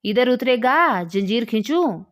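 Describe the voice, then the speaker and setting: A woman reading a story aloud and voicing a gruff Pathan man who mocks and threatens in slow, broken speech. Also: a little high, expressive, fairly bright tone. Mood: mocking threats.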